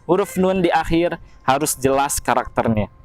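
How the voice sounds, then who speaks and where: An Indonesian man teaching recitation rules, slowly chanting example verses between plain explanations. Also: fairly high pitch, animated, a little hiss or hum. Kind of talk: tajwid lesson with slow recited examples.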